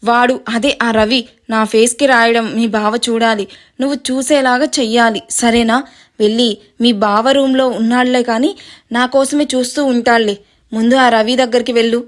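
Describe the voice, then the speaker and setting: A woman's voice: fairly high pitch, moderate pace, lightly acted. A woman reading the lines of a spirited, bossy young woman who teases and lectures. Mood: scheming. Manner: lively, teasing, lecturing.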